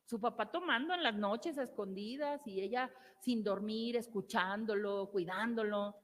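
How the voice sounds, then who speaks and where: A woman's voice: fairly high pitch, normal speed, a little hiss or hum. Mexican woman therapist in a reverberant hall. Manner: emphatic, repeats key phrases and asks rhetorical questions. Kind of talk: motivational talk.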